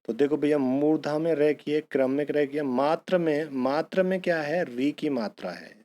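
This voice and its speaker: A man's voice: on the high side, moderate pace, warm tone. A man teaching an exam-prep grammar lesson, who asks a question and then answers it himself, calling his students bhaiya and beta.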